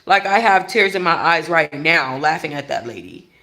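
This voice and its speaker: A woman hosting a casual commentary chat, animated and laughing, with loud exclamations. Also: low-pitched, normal speed, echoey room. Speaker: podcast host.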